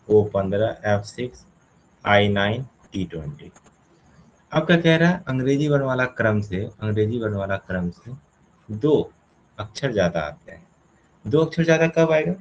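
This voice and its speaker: A man's voice: mid-range voice, lo-fi sound, a little hiss or hum. Male teacher working through a problem. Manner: asks questions and answers them himself, counts step by step. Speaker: reasoning teacher. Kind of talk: explaining a classroom problem.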